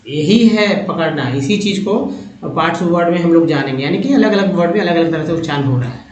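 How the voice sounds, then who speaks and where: A man teaching English pronunciation from slides, patiently repeating and sounding out words slowly, often checking with his viewers. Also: on the high side, expressive. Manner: addresses viewers as friends, checks with "है ना". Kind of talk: slide-based language lesson. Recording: echoey room, dull lo-fi sound, faint hiss.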